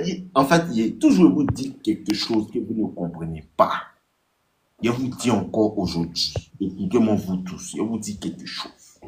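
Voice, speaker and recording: A man with an Ivorian French accent giving casual dating advice on a live stream. He talks straight to his listeners, repeats his points and acts out text exchanges in a higher voice. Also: slight background noise. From Ivory Coast. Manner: repetitive, addresses listeners directly.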